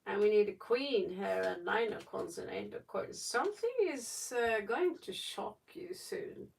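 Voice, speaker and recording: Hosting a relaxed live tarot reading, this woman from Norway, a native Norwegian speaker, talks slowly with a medium-pitched, lively voice full of fry. Her chat wanders as she reasons out loud over the cards, picked up by a mic placed some distance away.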